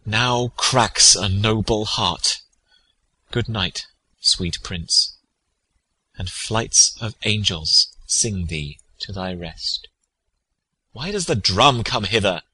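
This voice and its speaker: An actor playing a loyal, grieving noble friend of a prince in Shakespearean tragedy, with solemn, measured declamation. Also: male voice, lowish voice, expressive, bright, forceful tone, slightly rough, full character voice, rough recording. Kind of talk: Shakespearean tragedy audio acting.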